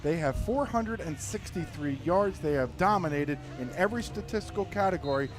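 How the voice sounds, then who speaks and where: A man's voice: fairly high pitch, animated, fairly quick, music in the background. A man calling a college football game live as play-by-play announcer, joking with his partner between plays. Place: press box at a football stadium. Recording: crowd noise behind.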